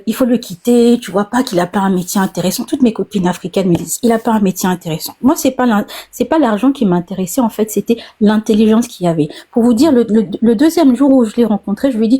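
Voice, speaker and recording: Soft-toned woman in her forties telling her story. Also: a little high, husky. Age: 40s. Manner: hesitant, repeats words, then tells at length. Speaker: caller on a live talk. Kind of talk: casual personal testimony.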